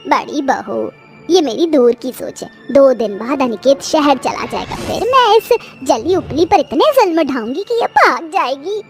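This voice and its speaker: Woman doing a mean scolding saas from a cartoon, squeaky high, bit of music under it. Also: expressive, a little slow. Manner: taunting, scolding. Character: harsh scolding mother-in-law, middle-aged woman.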